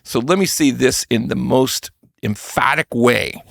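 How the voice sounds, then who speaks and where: A man's voice: mid-range voice, a little slow, creaky, no room sound, clean studio sound. A middle-aged man hosting a mortgage podcast, talking bluntly and emphatically with mocking asides. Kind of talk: casual commentary.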